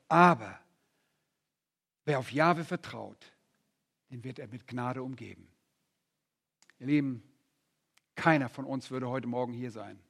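A man preaching a sermon, his voice worn and hoarse, moving between hushed, slow passages and loud, fervent exclamations. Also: medium pitch. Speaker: pastor.

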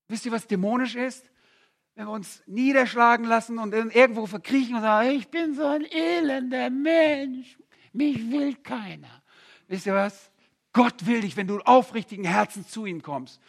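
Hoarse, gravelly high-voiced German preacher. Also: male voice. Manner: swings from hushed and slow to loud, fervent exclamations. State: voice worn and hoarse. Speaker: pastor. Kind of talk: sermon.

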